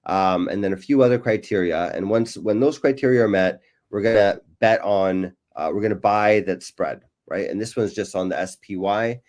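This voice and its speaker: A man with a very low voice explains trading strategies in a relaxed, conversational way. He keeps checking in with tag questions and sprinkles in fillers as he goes. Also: moderate pace, hardly any pauses. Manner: explanatory, many fillers and "right?" tags. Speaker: guest explaining trading algorithms. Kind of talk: casual interview chat.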